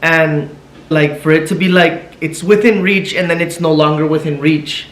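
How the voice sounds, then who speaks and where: A man, a husband and family vlogger, telling a personal story to the camera in a casual, excitable way, repeating himself and slipping into Spanish now and then. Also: on the high side, moderate pace. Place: living room at home. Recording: echoey room with soft music.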